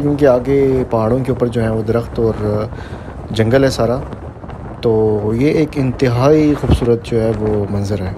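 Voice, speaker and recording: A man in his thirties talks into a phone held at arm's length, narrating a road trip in a relaxed, chatty way. He fills his talk with pet phrases and small pauses. Steady road and car noise runs clearly under his voice. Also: medium pitch. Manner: chatty, often repeats blessing phrases and fillers. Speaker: travel vlogger. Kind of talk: casual travel narration. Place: outdoors by a rural road and inside a moving car. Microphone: phone camera at arm's length.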